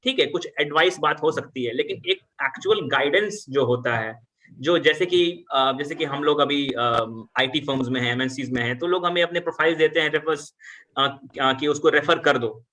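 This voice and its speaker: A man moderating an alumni panel, asking questions hesitantly with many filler pauses. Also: on the high side, bright, forceful tone. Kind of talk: conversational panel talk.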